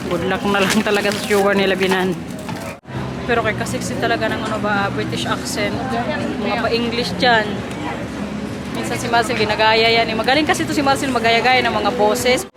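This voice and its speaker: Young Filipina vlogger, high voice, chatty and giggly, Filipino accent; noisy phone recording on busy streets. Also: female voice, steady tone, moderate pace. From Philippines. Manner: chatty, giggly, mixes English into her talk. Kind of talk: casual travel vlog chat. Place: busy city streets and shops. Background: crowd and traffic noise.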